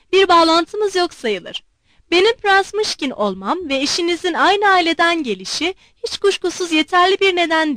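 A woman's voice: extremely high pitch, a bit bright, dry recording, heavily acted. A woman reading as an earnest, humble young prince. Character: gentle young male prince, sincere and humble.

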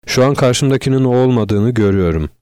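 A man voicing a frightened young woman held captive, speaking in halting, pleading words. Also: mid-range voice, animated, a little mellow, clear, resonant tone, no room sound, studio quality, pitched above the performer's own voice, lightly acted.

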